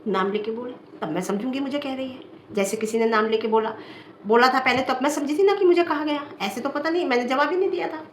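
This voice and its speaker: A woman's voice: high voice, quick pace. An older woman vlogging in a casual, mocking and defiant tone, answering a critic with laughs. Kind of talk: casual talk to camera. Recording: echoey room, faint background noise.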